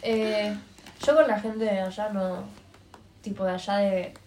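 A young Argentine woman with a Buenos Aires Rioplatense accent, telling stories in relaxed podcast chat. Her mid-pitched voice carries a roomy echo. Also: measured pace, a little hiss or hum. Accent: Buenos Aires Rioplatense Spanish. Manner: relaxed conversational storytelling. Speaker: podcast co-host. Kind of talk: casual chat.

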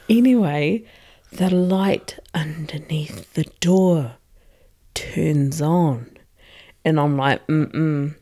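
Animated young woman retelling a scare. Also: fairly low pitch. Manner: animated, jumpy retelling with laughs. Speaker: storyteller. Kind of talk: casual chat.

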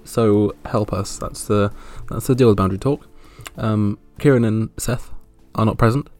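Gravelly-voiced man hosting a sports podcast. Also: fairly low pitch, fairly even intonation, normal speed, a little mellow, soft background music. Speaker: podcast host. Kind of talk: casual solo sports roundup.

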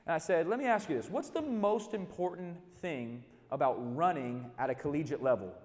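A middle-aged male pastor preaching a storytelling sermon, dropping quiet and then building to loud emphasis. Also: fairly high pitch, animated, brisk. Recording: reverberant hall.

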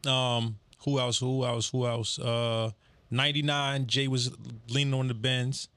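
A man with a bright, forward voice chats casually. He thinks aloud while recalling details, recorded dry and close. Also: mid-range voice, little pitch movement, measured pace, clean tone, dry recording. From Baltimore area. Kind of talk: casual chat.

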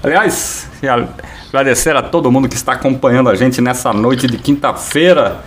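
A man's voice: medium pitch, brisk. Brazilian man hosting over faint noise. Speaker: radio show host. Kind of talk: casual live radio talk.

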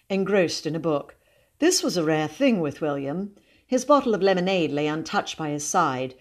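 A woman hosting a podcast and reading a children's book aloud in a measured, expressive way. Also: low voice. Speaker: podcast host and reader.

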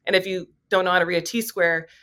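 A woman's voice: on the low side, flat delivery, fast talker, pushed and bright. Candid, rambling woman on a podcast. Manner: rambling, filler-heavy, candid. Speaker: astrologer and YouTuber. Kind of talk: casual podcast conversation.

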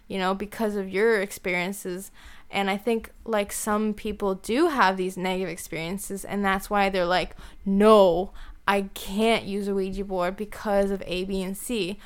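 Chatty young woman with a smooth voice. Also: medium pitch. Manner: chatty, many "like" and "you know" fillers. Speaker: podcast co-host. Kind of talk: casual chat.

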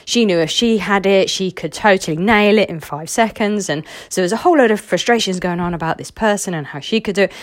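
A woman's voice: mid-range voice, a little fast, few pauses, no echo, clean studio sound. A woman working as a career coach, telling a client story in a chatty way with many fillers and restarts. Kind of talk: casual talking-to-camera advice.

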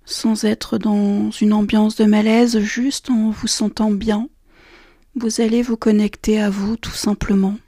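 A woman guiding a relaxation and meditation session in a soft, slow, half-whispered voice. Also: medium pitch, flat delivery, no echo, clean studio sound. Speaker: relaxation guide. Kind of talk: guided meditation.

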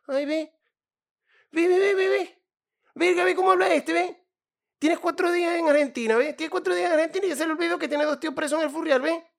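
A Venezuelan man voicing a mocking young male cousin who keeps jeering and repeating himself in a shrill squeal. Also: fairly quick, gravelly.

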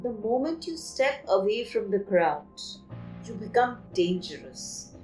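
Slow, measured Indian woman reciting poetry. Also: mid-range voice, sing-song, a little mellow, soft background music, low-quality recording. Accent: Indian English. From Kolkata, India. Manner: measured, emphatic delivery with dramatic pauses. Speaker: poetry podcast host.

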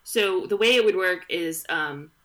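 A woman's voice: on the low side, measured pace, fairly bright tone. A woman hosting a podcast, retelling history in a chatty, jokey way with plenty of fillers and asides into a studio mic. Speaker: podcast host. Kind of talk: casual history chat. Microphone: studio podcast microphone.

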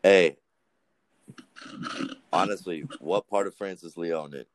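Young guy, very low voice, crude rambling podcast guest, dry close sound. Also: slow pace, no room sound. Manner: rambling, crude, animated storytelling. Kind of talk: casual profane chat.

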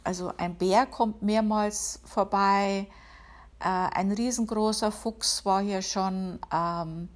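A woman's voice: medium pitch, steady tone, slow. A woman from the Upper Palatinate, hosting her own podcast from home in a chatty, self-ironic way. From Upper Palatinate, Bavaria, Germany. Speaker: podcast host. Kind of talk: casual solo podcast monologue. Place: home, working from home.

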